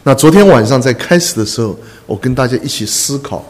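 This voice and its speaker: A man preaching a sermon to a congregation, earnest, repeating phrases and filling pauses with drawn-out "ah" sounds. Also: medium pitch, animated. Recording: echoey hall reverb.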